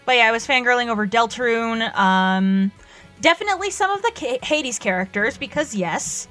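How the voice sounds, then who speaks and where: Excitable young woman streamer, bright voice. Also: on the high side, moderate pace, faint music behind. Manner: excitable, gushes and laughs a lot. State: coming down with a cold, coughing. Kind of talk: casual chat while drawing.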